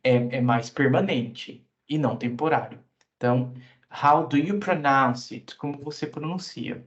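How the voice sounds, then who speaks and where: A man's voice: a little high, unhurried, highs cut off. Male English teacher, patient and explanatory. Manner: patient, explains at length, asks students questions. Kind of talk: live online class explaining grammar.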